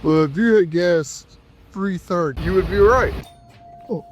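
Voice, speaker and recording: A man's voice: high-pitched, measured pace, slight background noise. A man with a nasal, stuffed-up voice from being sick, chatting casually and folksily to viewers as a trucker vlogger. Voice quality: nasal, congested. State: sick with a cough and congestion. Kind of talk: casual vlog chat to viewers.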